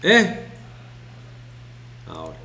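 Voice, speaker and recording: Chatty teacher in an echoey classroom. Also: male voice, mid-range voice, drawn-out words, gravelly. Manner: chatty, joking, lively, acts out shouting examples. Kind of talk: classroom talk to students. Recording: echoey classroom, faint background noise.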